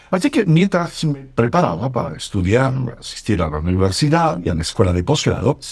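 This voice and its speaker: A man voicing an interview guest in translation, explaining in an earnest, lively way. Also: mid-range voice, slightly rough, no echo. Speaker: interview guest, Spanish voice-over.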